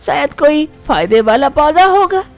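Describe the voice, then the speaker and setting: Woman playing a fussy old cartoon mother-in-law, lively, keeps giving orders. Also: sits high, a little slow, faint music behind, pitched above the performer's own voice. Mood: bossy. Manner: calls out and gives orders to her family. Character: older village mother-in-law, fussing and bossy. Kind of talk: animated storybook voice acting.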